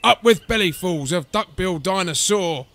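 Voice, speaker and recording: A man voicing mean, grim, boisterous tyrannosaurus hunters from a storybook, shouting and chanting. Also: high voice, normal speed, pitched above the performer's own voice. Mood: rowdy war chant.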